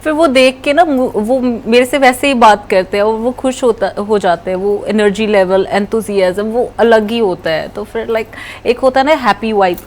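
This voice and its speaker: A woman guest in a casual interview, speaking with a tinge, lively and laughing often, mixing in English. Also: a little high, normal speed, hardly any pauses. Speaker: interview guest, fashion influencer.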